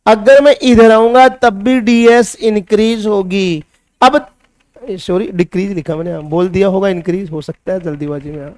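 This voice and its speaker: A man's voice: high-pitched, a little mellow, dry recording. A male chemistry teacher with a Hindi accent, giving a classroom lecture that mixes English science terms into Hindi and asks his students questions before answering them himself.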